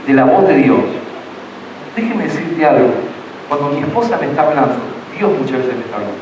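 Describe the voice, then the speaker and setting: A man's voice: on the high side, background noise. A middle-aged man, preaching a sermon as pastor, earnest and full of repeated words and restarts. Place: church sanctuary. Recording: echoey church hall, distant mic.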